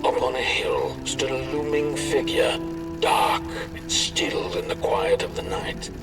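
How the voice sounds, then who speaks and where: A man narrating a dark fairy-tale game in a slow, measured storybook manner. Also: mid-range voice, lively intonation, gravelly. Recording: game audio heard from a distance over music.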